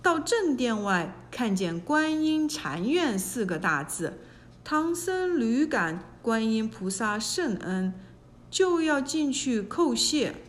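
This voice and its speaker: A woman telling a classic myth as scripted storybook narration, in an expressive, unhurried manner. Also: on the high side.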